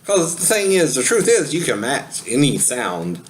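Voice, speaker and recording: A man's voice: medium pitch, wildly swooping pitch, normal speed, slight background noise, low-quality recording. A man giving a casual spoken singing lesson who rambles, laughs often and keeps asking "right?" to check the listener is following. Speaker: singing teacher.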